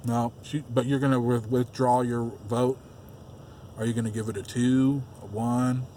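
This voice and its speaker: A man's voice: mid-range voice, flat delivery, normal speed, warm tone, slight background noise. A man hosting a casual food review vlog from a car, chatting while chewing, recorded on a dashboard phone. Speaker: vlog host. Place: parked car. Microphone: phone mounted on dashboard.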